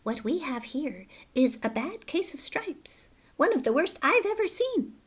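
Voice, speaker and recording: A kind old woman from a storybook speaks softly and sweetly, voiced by a woman reading aloud. Her tone is gentle and a little high. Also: very animated, unhurried.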